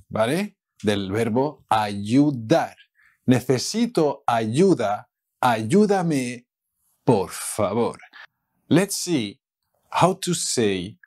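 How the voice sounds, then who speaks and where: Male Spanish teacher from Spain, Spanish accent, slow and lively, playful lesson delivery. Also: mid-range voice. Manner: playful, slow repetition of phrases, mixes Spanish and English. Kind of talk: casual language lesson.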